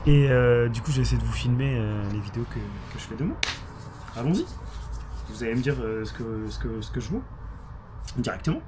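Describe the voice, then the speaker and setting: A young man with a hoarse voice, chatting casually in a vlog and laughing often. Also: mid-range voice, expressive, a little fast, long pauses, noisy background. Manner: laughs often, mixes French and English. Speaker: vlogger. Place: small room indoors.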